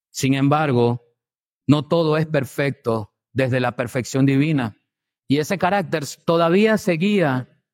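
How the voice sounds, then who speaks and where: Pastor guy preaching, kinda high voice, punchy emphasis then drops low and soft. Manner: emphatic preaching with rhetorical questions; swings between loud stresses and quiet low asides. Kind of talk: sermon.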